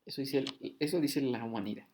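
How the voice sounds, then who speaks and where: A man's voice: medium pitch, a little fast. Male preacher, mid-range voice, casual teaching delivery, dramatizes dialogue. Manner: conversational, acts out short dialogues with shifting voice and loudness. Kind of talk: casual Bible teaching sermon.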